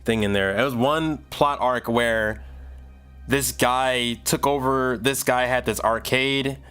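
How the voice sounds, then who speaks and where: Over soft background music, a livestreamer in his thirties rambles and thinks aloud while making music. He takes it slowly, with a mid-range, smooth, slightly bright voice and fairly even intonation.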